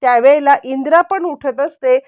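A woman narrating a TV serial episode in a quick storytelling manner, briefly acting out the characters' lines. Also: high voice, darkish tone, no room sound. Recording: dry, muffled lo-fi sound.

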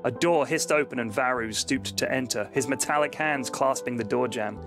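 A man's voice: medium pitch, normal speed, music in the background. A man reading a comedy story aloud in a dry, playful way and chatting as a podcast host.

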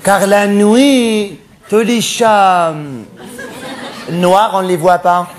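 A male comedian on stage playing a flamboyant, cross-dressing cabaret dancer in a stand-up character monologue, camp and theatrical, quick to snap at the audience. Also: high-pitched, steady tone, a crowd in the background. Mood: camp chatty.

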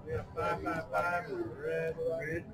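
A man's voice: on the high side, completely flat delivery, a little slow. A man working as a craps dealer, calling out bets and rolls at the table. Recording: loud music over the voice.

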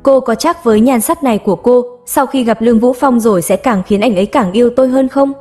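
A woman voicing a smug young woman star who mocks her rival in an unhurried, smiling way. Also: fairly high pitch, darkish tone, faint music behind, natural voice. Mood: mocking.

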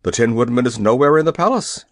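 A man voicing a cunning, easily frightened male king of an underground realm in a storybook, slow and pleading. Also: mid-range voice, expressive, no room sound, studio quality, lightly acted. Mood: fearful.

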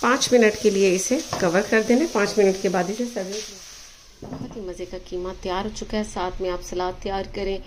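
A woman hosts a cooking lesson in a home kitchen, giving measured, methodical steps and checking in with her viewers. Her voice sits at a middle pitch, with faint sizzling and stirring behind it. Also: noisy background. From Pakistan. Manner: calm, methodical, checks in with "ठीक है". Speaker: cooking show host. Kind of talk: step-by-step recipe instruction. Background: frying and stirring sounds.

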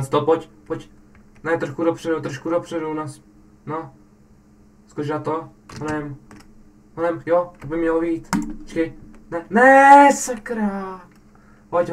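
A man hosting a casual gaming session, coaching a guest with urgent, rapidly repeated commands. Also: on the high side, a little hiss or hum. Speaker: host guiding a guest through a game.

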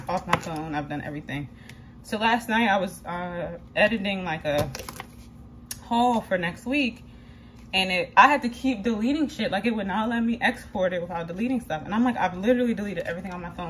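A woman's voice: on the low side, background noise. Chatty young woman venting in a kitchen. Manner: candid and chatty, venting with lots of "like" and casual swearing. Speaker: vlogger. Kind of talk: casual vlog chat while cooking. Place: home kitchen.

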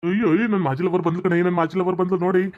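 A sloppy, sentimental drunk husband, as a woman puts him on in a cartoon, his North Karnataka Kannada accent slurred and boastful. He rattles along at a rapid clip, and the recording sounds dull and lo-fi. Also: on the low side, fairly even intonation, voice pushed down, natural voice. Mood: giddy.

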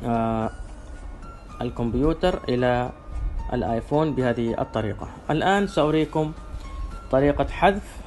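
Male software instructor, average pitch, halting step-by-step delivery, faint background music. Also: animated. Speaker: tutorial presenter. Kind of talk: step-by-step spoken software demonstration.

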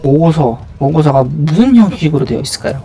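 A man's voice: a little high, animated, fairly quick, creaky, warm tone, slight background noise. A man giving casual live video game commentary, muttering and thinking aloud to himself as he plays.

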